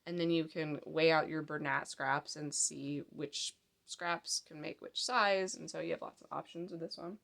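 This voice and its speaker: A crochet pattern designer and vlogger in her thirties talks in a fairly low, creaky voice that still has a fairly bright tone, hoarse from a slight cold. In her home craft room by daylight, she gives a friendly, rambling show-and-tell of her handmade work, dotted with plenty of fillers.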